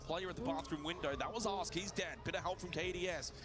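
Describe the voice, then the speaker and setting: A man casting a live esports match play-by-play, building excitement on big plays. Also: sits high, fast talker, loud music behind the voice.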